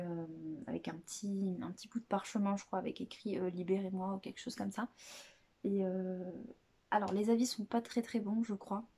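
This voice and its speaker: Hesitant, mellow-voiced woman chatting about books. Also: mid-range voice. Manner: hesitant, many filler pauses and restarts. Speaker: book vlogger. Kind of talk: casual chat presenting books.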